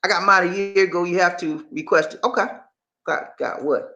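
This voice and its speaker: A high-pitched, brisk, gravelly man with a sharp tone, heard on dull audio. He's a livestream host from Charleston, South Carolina, USA, with a Southern Gullah Geechee accent, chatting folksily with viewers and often repeating his phrases.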